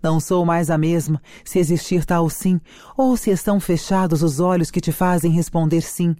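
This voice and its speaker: A reader voicing Juliet, a passionate young noblewoman, declaiming slowly in a dramatic reading of a play. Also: medium pitch, steady tone, warm tone, dry recording, studio quality, natural voice. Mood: anguished.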